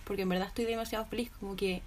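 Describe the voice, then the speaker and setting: A woman's voice: medium pitch, fairly even intonation, very fast, a crowd in the background. A young woman with a Chilean accent, chatting casually as a podcast co-host and telling stories over a remote call, full of slang fillers. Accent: Chilean Spanish. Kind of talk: casual chat between friends.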